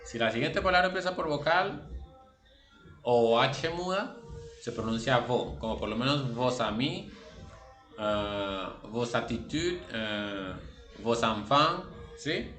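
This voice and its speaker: A man's voice: medium pitch, lively intonation, takes it slowly, a bit bright, roomy sound, soft background music. A man teaching a language class online, explaining rules step by step and calling on students by name.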